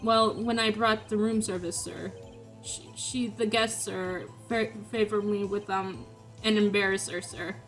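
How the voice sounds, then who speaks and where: A woman's voice: mid-range voice, fairly even intonation, a little slow, hardly any pauses, a bit bright, soft background music. A woman voicing a prim, fussy male hotel bellboy on the witness stand, formal and adding "sir" to his lines.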